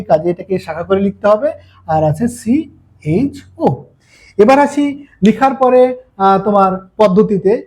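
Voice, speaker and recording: A man's voice: sits high, dark tone. A man giving a chemistry lecture, explaining step by step and often checking if students follow. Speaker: chemistry teacher. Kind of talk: classroom lecture.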